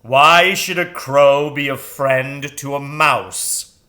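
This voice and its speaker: A man voicing a grave, imperious owl in a storybook, with a deep, round, sonorous voice and formal, deliberate speech. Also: sharp tone. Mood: questioning, imperious.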